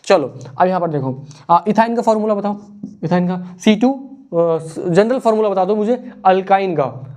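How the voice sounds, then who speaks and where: A man's voice: sits high, normal speed, darkish tone. A young man teaching a casual exam revision lesson, chatty, playing out imagined student questions and answers himself.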